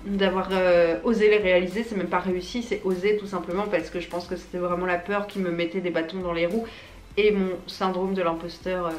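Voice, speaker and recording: A young woman with dental braces, a YouTuber who runs a small business, chats casually and unscripted to her viewers in an informal, slangy way. Her voice is on the low side, fairly quick and flatly delivered. The room is echoey, with faint background noise.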